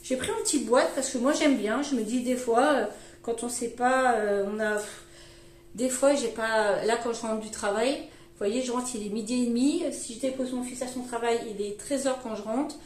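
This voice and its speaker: A middle-aged woman chatting casually to camera about her groceries, rambling with fillers and restarts, her voice shrill at times. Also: moderate pace, roomy sound. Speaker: vlogger. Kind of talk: casual grocery haul chat.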